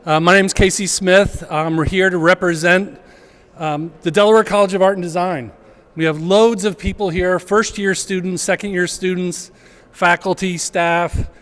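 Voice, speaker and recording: A man with a notably high voice addresses a gallery gathering in a relaxed, unscripted way. He pushes his voice out to reach the room and pauses often to find his words. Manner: projecting to a room, hesitant with fillers. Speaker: college department chair giving remarks. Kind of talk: casual public remarks. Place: art gallery event, indoors.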